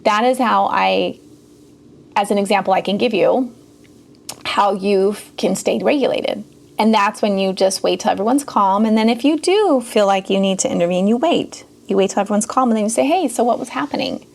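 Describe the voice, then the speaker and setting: Woman host, gentle conversational teacher, guides breathing exercises. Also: medium pitch, normal speed, creaky. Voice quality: gentle, conversational, many fillers. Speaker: self-care podcast host.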